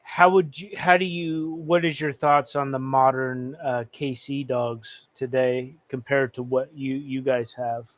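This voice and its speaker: A man's voice: mid-range voice, steady tone, a little slow, few pauses. A man asking informal questions as an interviewer.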